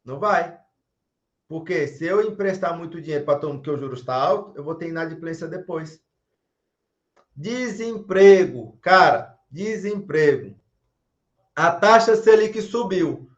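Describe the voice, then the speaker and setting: A man's voice: on the high side, moderate pace, a bit bright, roomy sound, muffled recording. A Brazilian man teaching a finance class, emphatic, repeating key points and answering his own questions. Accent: Brazilian Portuguese. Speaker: finance instructor. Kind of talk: online class lecture.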